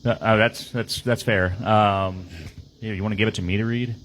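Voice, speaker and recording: Rambling low-voiced man, podcast chat. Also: fairly even intonation, normal speed, a bit bright, a little hiss or hum, poor audio. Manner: rambling, many fillers and restarts. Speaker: team player on a podcast.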